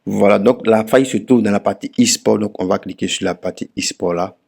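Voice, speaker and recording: A man's voice: fairly low pitch, brisk, gravelly, a little mellow. A man with an Ivorian French accent who gives a casual step-by-step tutorial and keeps repeating key points for emphasis. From Ivory Coast. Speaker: betting tips YouTuber. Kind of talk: casual screen-walkthrough tutorial.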